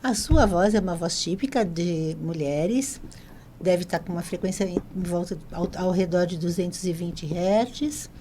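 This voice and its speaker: Mellow-voiced Brazilian woman expert. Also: fairly low pitch, normal speed, slight background noise. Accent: Brazilian Portuguese. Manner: friendly, explanatory, laughs easily. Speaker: guest speech therapist. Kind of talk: casual podcast interview.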